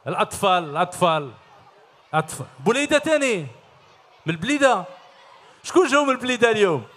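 This middle-aged host, speaking with an Algerian Arabic accent, quizzes children cheerfully during a stage show in a big concert hall. He talks fast in a high-pitched, very animated voice that's a touch bright. His handheld mic picks up long reverb from the hall.

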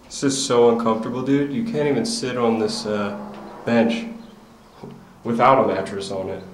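Behind a camcorder inside a vast, empty prison, this man explores on his own, casually talking to himself, swearing frequently and thinking out loud. His mid-range voice keeps a steady tone at normal speed, with slight background noise and faint ambience echoing off the concrete indoors.

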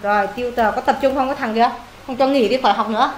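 Quick and steady in a slightly high voice, a woman drills a pupil with English questions during casual one-on-one homework tutoring. When he gets things wrong she scolds and teases him, and the echoey room holds faint ambience.

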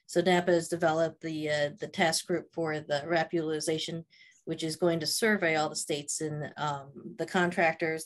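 A woman in her thirties moderates a webinar panel over a video call from her office. She speaks in a measured, agreeable way, and her voice sits notably low for a woman. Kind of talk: casual webinar discussion.

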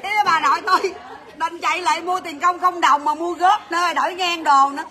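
High-voiced shop owner. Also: female voice, fairly even intonation, bright, forceful tone, some chatter behind, slight background noise. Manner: rapid, blunt teasing banter with staff, laughing often. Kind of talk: livestream sales chat.

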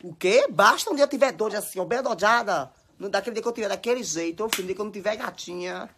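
A woman's voice: mid-range voice, fast, fairly bright tone, breathy edge. A young woman with a Bahian accent talking dramatically and exaggeratedly at home into her phone, scolding and chattering. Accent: Bahian Brazilian Portuguese. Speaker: social media personality. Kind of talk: casual phone stories monologue.

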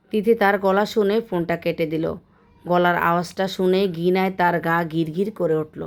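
A woman with a slightly low voice reads a serialized family drama aloud. She narrates and speaks every character's lines herself, shifting her tone for each quoted speaker. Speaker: storyteller. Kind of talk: narrated serial story reading.

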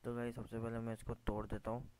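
Guy talking over his game footage, pretty monotone, chatty, lots of hiss behind him. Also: medium pitch, fast, rough recording. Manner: chatty, says "guys" constantly, mutters at mistakes. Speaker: gaming YouTuber. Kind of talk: casual gameplay commentary. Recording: screen recording with steady noise.

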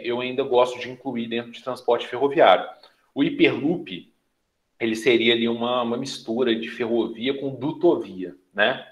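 A young man with a Brazilian accent lectures students over a video call. He explains steadily and often checks in with quick tag questions. His pitch sits in a middle range. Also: a bit bright, roomy sound. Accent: Brazilian Portuguese. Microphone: earbuds on video call.

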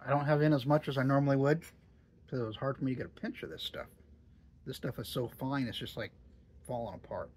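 A middle-aged man talks casually in a home vlog, thinking aloud with hesitant starts and dry little jokes. His voice sits at an ordinary pitch. A faint hiss of noise hangs under the recording. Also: fast talker, a little mellow. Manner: musing, hesitant, dry joking. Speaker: tobacco reviewer.

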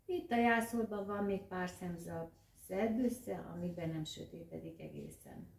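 A grave, low-voiced old cow, as a woman reads her. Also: creaky, darkish tone. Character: calm, disgusted old cow. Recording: roomy echo, distant mic.

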